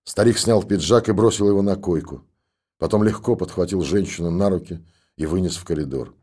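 A man narrating an audiobook in a steady, even reading. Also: low-pitched, brisk.

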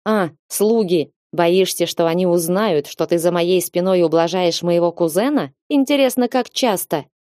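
A woman's voice: on the low side, normal speed, few pauses, mellow, no echo, clean studio sound, natural voice. A woman voicing a drunk, jealous young male viscount who rants and accuses in an audiobook. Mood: ranting. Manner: slurring, accusing, ranting.

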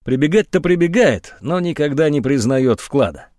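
A male audiobook narrator reading with expressive, ironic storytelling. His pitch moves a lot, and the close mic gives a dry, intimate sound. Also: moderate pace, no echo. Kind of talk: scripted narration.

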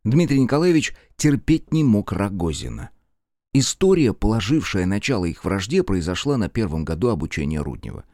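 Male audiobook reader, low mellow voice, lively storytelling, dry close mic. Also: brisk, dry recording. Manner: expressive storytelling. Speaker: audiobook narrator. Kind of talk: audiobook narration.

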